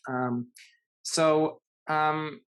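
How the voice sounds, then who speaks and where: A man's voice: on the high side, fairly even intonation, drawn-out words, a bit bright, clean tone, low-quality recording. A middle-aged man with a Russian accent and Russian as his first language, speaking as a physician on a panel in a loose, conversational way with many fillers. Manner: conversational, frequent fillers and restarts. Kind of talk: unscripted expert talk.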